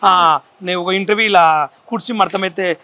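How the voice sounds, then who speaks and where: A man in an interview, talking fast and emphatically, making accusations. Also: high voice, sharp tone. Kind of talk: heated interview.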